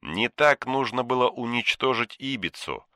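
A man voicing a cold, menacing male official on the phone, speaking quietly and slowly with contempt. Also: mid-range voice, animated, dry recording, studio quality, pitched above the performer's own voice. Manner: quiet, contemptuous, slow and deliberate. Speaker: shadowy superior giving orders.

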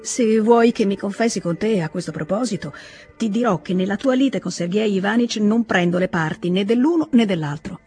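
A reader voicing an earnest, calm man reasoning with his brother in an Italian audiobook reading. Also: medium pitch, fairly quick, husky, soft background music, voice pushed up, lightly acted.

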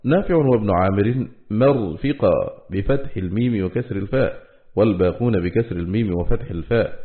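A man with a fairly low voice reads a scholarly text in a measured, steady way and lingers on the quoted words. The audio is narrow and thin, like a phone line. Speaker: reader of a classical text on Quran readings.

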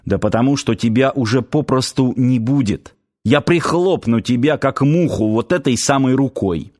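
A man voicing a gruff, volatile middle-aged garrison chief in an audiobook, blustering and quick to yell. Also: mid-range voice, natural voice. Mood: threatening. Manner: gruff, blustering, swings from despair to yelling. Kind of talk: audiobook character voice.

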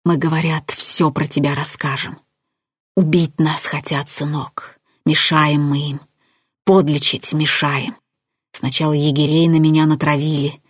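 Woman doing a gruff, hushed hunter father. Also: level tone, unhurried, no room sound, studio quality. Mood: hushed, fearful. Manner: low, hushed, muttering. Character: gruff middle-aged hunter father, frightened and bitter.

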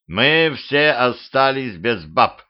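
A heavyset male hypnotist who takes charge and barks orders, played by a man reading an audiobook. He sounds loud and commanding. The recording is dull and lo-fi. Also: mid-range voice, big pitch swings, slow.

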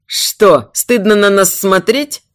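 A woman's voice: mid-range voice, slow, lightly acted. A woman voicing the spiteful ghost of a young man, snarling with contempt. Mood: hateful. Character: hateful young adult brother ghost, spiteful.

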